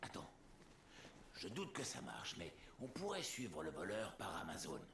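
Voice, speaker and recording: A bird-brained war god. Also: male voice, low voice, huge pitch swings, a little slow, creaky, fairly bright tone, roomy sound, slight background noise, exaggerated voice. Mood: boastful. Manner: theatrical, swinging sharply between gloom and bluster. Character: boastful grown male war god, bird-brained and sulky. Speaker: game character.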